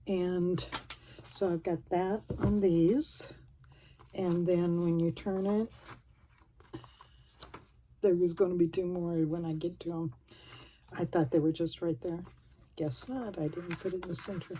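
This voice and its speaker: A woman's voice: on the low side, fairly even intonation, measured pace, pauses often, background noise. A middle-aged woman, chatting casually and a bit self-deprecatingly as she flips through a craft journal. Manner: folksy, self-deprecating, rambling. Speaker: craft vlogger.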